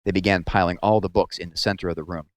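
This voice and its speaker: A man with a fairly low voice reads a storybook aloud. His delivery is measured and serious, and the sound is dry, with little room around it. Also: steady tone, dry recording. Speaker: read-aloud narrator. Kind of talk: storybook narration read aloud.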